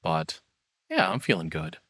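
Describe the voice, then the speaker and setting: Broadcasting from his own room, a man rambles to his stream's viewers, often at his own expense. His voice is low and slightly bright, swinging hugely in pitch at an unhurried pace, and the processed streaming mic gives a close, dry, clean studio sound.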